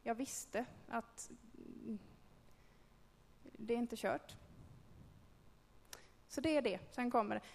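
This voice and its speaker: A woman shares a personal faith story with a group, candid and conversational but hesitating often. Her fairly high voice is creaky and pauses frequently, trailing off into a long reverb.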